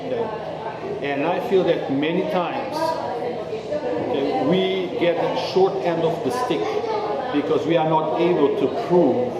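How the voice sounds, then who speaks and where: Man from Mozambique, interviewee, earnest, slightly high voice, booming room with a loud crowd. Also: unhurried, highs cut off. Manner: earnest, explains with frequent "okay?" checks. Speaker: interviewee, street videographer. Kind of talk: casual interview. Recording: very echoey room with crowd chatter.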